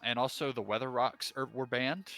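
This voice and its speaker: A man's voice: medium pitch, fairly even intonation, moderate pace, vocal fry, pushed and bright, soft background music. A young man coaching in a game league, talking casually and eagerly, restarting sentences as he explains. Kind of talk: casual stream chat.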